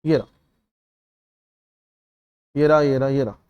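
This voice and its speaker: A man's voice: medium pitch, takes it slowly, a little mellow, clean tone, no room sound, muffled recording. A young man giving an exam revision lecture. He slips English accounting terms into his Hindi and keeps checking whether the students understood. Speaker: CA exam tutor.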